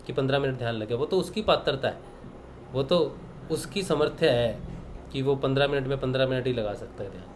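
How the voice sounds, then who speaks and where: A man's voice: medium pitch, a little hiss or hum. A man from Punjab leading a meditation session, giving an earnest, reflective spiritual discourse woven with stories. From Punjab, India.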